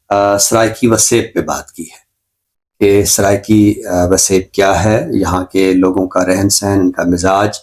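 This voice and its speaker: A man with a Pakistani accent presents a show, giving an unscripted book review in a measured, scholarly way. His voice is lowish and a little mellow.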